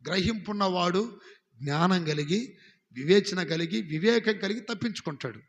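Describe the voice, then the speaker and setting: High-voiced Telugu pastor preaching in a hall. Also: male voice, animated, moderate pace, lo-fi sound. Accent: Andhra Telugu. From India. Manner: exhorting, calls congregation to repeat phrases. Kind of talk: sermon. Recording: live sermon with long hall reverb.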